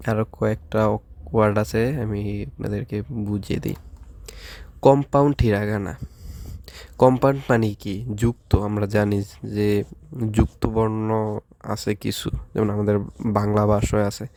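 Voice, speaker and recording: A patient male teacher speaks in a low, even voice, drilling syllables slowly and stopping often to ask questions. His flat delivery stays at an unhurried pace. The sound is dry and close, with no room echo. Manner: slow, patient, drills syllables one by one and asks the class questions. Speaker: language teacher. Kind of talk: Japanese lesson with drilled syllables.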